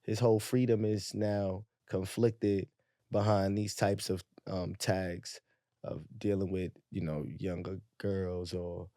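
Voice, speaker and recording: A man chatting as a podcast guest, talking in a measured way that trails off. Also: deep voice, flat delivery, warm tone, no room sound, clean studio sound. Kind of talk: casual chat.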